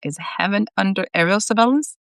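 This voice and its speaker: A woman's voice: medium pitch, fairly quick, dry recording, clean studio sound, pitched above the performer's own voice, close to an everyday voice. A woman reading aloud as a weary, regretful man, puzzled and questioning as he faces things he does not understand. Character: weary, regretful grown man, confused newcomer.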